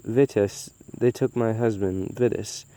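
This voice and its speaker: A man's voice: lowish voice, fairly even intonation, measured pace, mellow, natural voice. A man voicing a distraught young mother who pleads and cries. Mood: desperate. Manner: pleading, crying.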